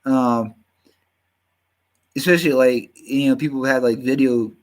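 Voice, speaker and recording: A man in his fifties chats on a livestream in an unhurried, meandering way. His speech carries a faint Southern drawl. He pads his sentences with fillers and often trips into restarts as he goes. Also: medium pitch, steady tone, poor audio. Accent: slight Southern drawl. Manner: halting, full of fillers and restarts. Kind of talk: casual rambling chat.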